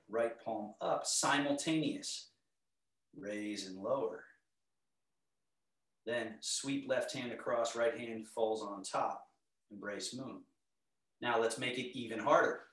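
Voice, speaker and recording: A middle-aged man teaching tai chi, giving calm, serene, step-by-step movement cues in a measured way. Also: mid-range voice. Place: indoor home living area. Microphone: camera across the room. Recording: echoey room, distant microphone.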